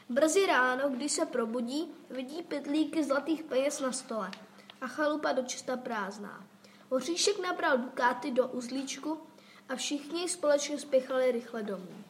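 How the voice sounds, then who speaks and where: A woman narrating a fairy tale with expressive, animated storytelling. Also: high voice. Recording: echoey room, faint noise.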